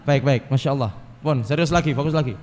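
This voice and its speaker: A man with an East Javanese accent preaching a sermon, lively and joking, acting out little dialogues. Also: medium pitch, fast talker. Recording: reverberant hall.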